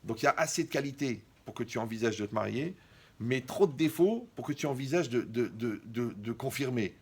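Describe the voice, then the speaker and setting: A man's voice: mid-range voice, animated, brisk, a little mellow, breathy edge. A man performing a stand-up comedy monologue, acting out dialogues with mocking asides.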